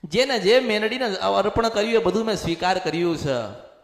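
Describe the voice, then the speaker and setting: Man, spiritual medium, possession sermon, speaks as a goddess, repetitive preaching, high pitch, roomy reverb. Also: expressive, brisk. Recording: echoey hall with long reverb.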